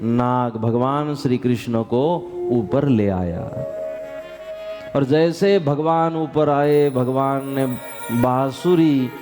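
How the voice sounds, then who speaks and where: A man preaching a devotional story sermon as a katha preacher, dramatic and rising to fervent high calls, at times breaking into song. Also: slow. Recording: music playing behind.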